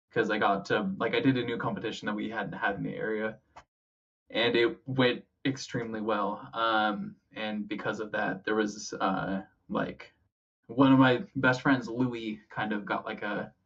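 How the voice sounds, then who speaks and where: A man's voice: on the low side, a bit bright, husky, recorded from a distance, dull audio. A man chatting casually as an interview guest, informal and rambling, often feeling his way through a thought. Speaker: interview guest, hobby club officer.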